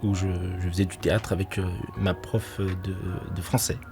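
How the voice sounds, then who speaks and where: A middle-aged Portuguese actor, who also manages nightclub security, recounts film-shoot stories in a relaxed interview, laughing a lot and often restarting sentences. His voice sits low with a darkish, steady tone at a normal speed, and faint music plays behind him.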